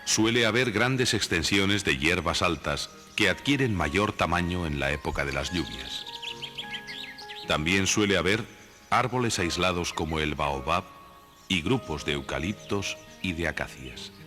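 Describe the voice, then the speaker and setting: A man reading scripted nature documentary narration in a measured, didactic way. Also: sits low, lively intonation. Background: background music.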